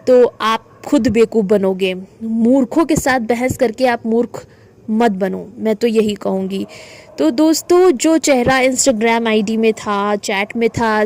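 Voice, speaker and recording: A woman vlogger speaking to her viewers in an indignant, animated monologue, often restarting her sentences. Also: on the high side. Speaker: spiritual content creator.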